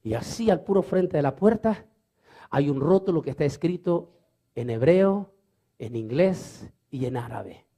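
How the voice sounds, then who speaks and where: A man preaching a sermon in Spanish, retelling a story and building to loud, impassioned preaching, often stammering and repeating words. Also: animated, unhurried, husky. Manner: builds from low retelling to shouted high preaching.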